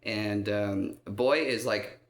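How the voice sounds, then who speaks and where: A man with a lowish voice speaks slowly as he vlogs from a care home resident's room, rambling through a long personal story. He often pauses to ask "okay?" and says "um" frequently, and the recording carries a roomy echo.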